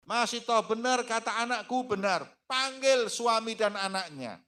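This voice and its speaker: A man voicing a cruel male pharaoh tyrant who barks threats and orders. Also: moderate pace. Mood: commanding. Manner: loud, high, barking threats.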